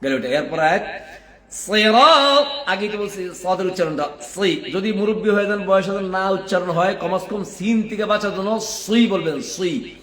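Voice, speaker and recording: A man teaching correct Quran recitation, repeating syllables slowly and chanting verses between quick explanations. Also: sits high, echoey room. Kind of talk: recitation lesson with chanted examples.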